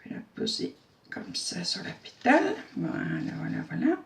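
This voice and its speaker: A woman's voice: medium pitch, wildly swooping pitch, moderate pace, vocal fry. A woman hosts a casual craft tutorial. She chats in a homely way and talks through each step as she works, with frequent fillers and self-mocking humor. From Belgium.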